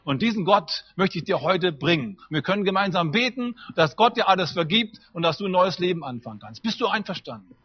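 A man voicing a tired, calm male evangelist who speaks in a dry, earnest way, on a muffled lo-fi recording. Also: sits high, brisk, hardly any pauses, husky. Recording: muffled lo-fi sound.

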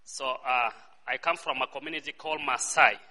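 A man's voice: medium pitch, fairly even intonation, normal speed, bright, forceful tone, big-room sound. A Kenyan man with a Maa first language, speaking English in short phrases as a guest in a church service, waiting for his interpreter. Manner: short phrases, calls and responses with the audience.

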